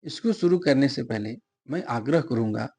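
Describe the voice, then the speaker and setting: A man's voice: mid-range voice, lively intonation, normal speed, darkish tone, breathy edge. A middle-aged man teaching a grammar lesson for exam preparation, explaining patiently with spoken examples and asking and answering his own questions. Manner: asks viewers to subscribe and comment.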